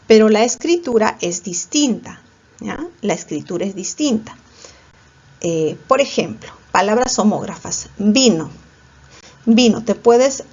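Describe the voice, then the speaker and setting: A woman's voice: medium pitch, darkish tone. A woman teacher, lecturing a class and asking questions that she answers herself. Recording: dull lo-fi recording.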